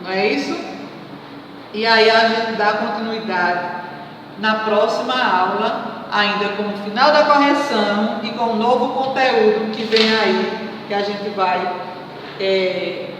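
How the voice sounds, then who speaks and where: A woman's voice: medium pitch, steady tone. A woman teacher, giving a recorded class lesson and answering her own questions. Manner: slow, didactic, asks rhetorical questions then answers them. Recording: echoey room, voice far from the mic, faint noise.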